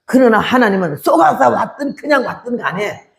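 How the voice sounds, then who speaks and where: A woman in her eighties, a missionary, giving an animated testimony sermon and acting out the voices in her story. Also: a little high, normal speed, gravelly, a little hiss or hum. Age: 80s.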